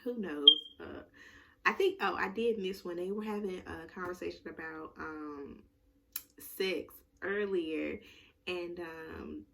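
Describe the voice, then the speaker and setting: A woman's voice: fairly low pitch, fairly even intonation, slow pace, creaky, a bit bright, distant mic, slight background noise. A woman chatting casually and rambling through a recap, swearing and using lots of filler words. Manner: rambling, profane, full of fillers. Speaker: tarot reader recapping a reality show. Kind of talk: casual chat.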